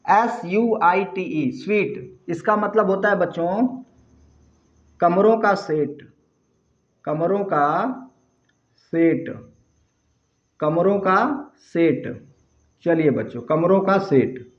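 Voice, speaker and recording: The recording is lo-fi and dull, with room echo: a slow, high-voiced man teaching English grammar to children. He spells out words one letter at a time, repeats the key answers, and answers his own questions to the class.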